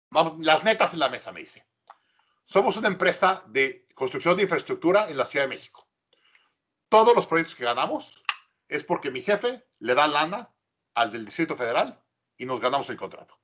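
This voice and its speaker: Husky Mexican man giving a workshop. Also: a little high. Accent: Mexican Spanish. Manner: animated storytelling, rhetorical questions. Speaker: workshop speaker. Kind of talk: business workshop talk.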